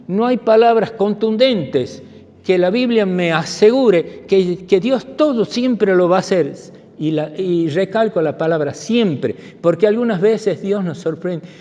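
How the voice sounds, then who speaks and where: High-voiced preacher in reverberant church. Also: male voice, darkish tone. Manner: storytelling, repeats key phrases for emphasis. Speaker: pastor. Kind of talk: sermon. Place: church sanctuary. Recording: dull recording with long church reverb.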